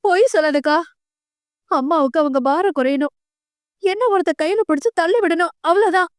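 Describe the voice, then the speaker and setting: A woman's voice: very high-pitched, moderate pace, no echo, clean studio sound, voice pushed up. A woman reading an audio novel voices a heartbroken young bride, speaking in a raised, strained voice that pleads and lashes out. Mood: bitter anger. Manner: pleading then angry, breaking voice.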